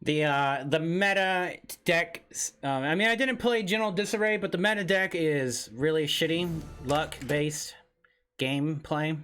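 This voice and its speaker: A man's voice: fairly high pitch, measured pace, a bit bright, clear, resonant tone, soft background music. A man doing live game commentary as a streamer, grumbling and swearing as he goes. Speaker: gaming streamer.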